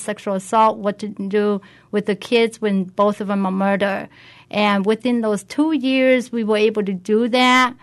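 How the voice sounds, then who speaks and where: A woman's voice: medium pitch, clear, resonant tone. A woman guest, a community coordinator, giving an explanatory answer in an interview.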